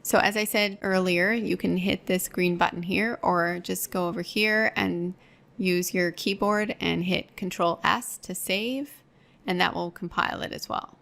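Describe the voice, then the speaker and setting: A woman's voice: lowish voice, fairly even intonation, a little slow, gravelly, a bit bright. A woman teaching an online course, explaining each step patiently while working through a screen-recorded tutorial at her computer.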